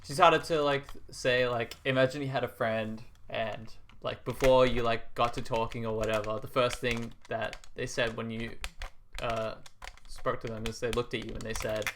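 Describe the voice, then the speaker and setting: A young man chats casually while playing a video game. He rambles and hesitates, restarts his sentences, and drifts into soft, reflective musings with quiet laughs. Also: mid-range voice, level tone, normal speed, a little hiss or hum. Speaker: gaming video creator.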